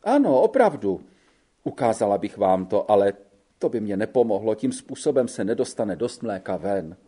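A man's voice: lowish voice, very animated, mellow, husky. A male narrator voicing a young Italian woman working as a wet nurse, tired and complaining on a hot train ride. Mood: chatty. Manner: plaintive, sighing complaints.

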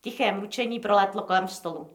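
A woman narrating a story aloud in an expressive, playful reading voice. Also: mid-range voice, reverberant.

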